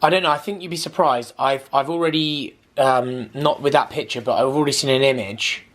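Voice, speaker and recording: A British man talks in a casual, conversational way at home. His voice sits at a middling pitch. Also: fairly quick, a bit bright.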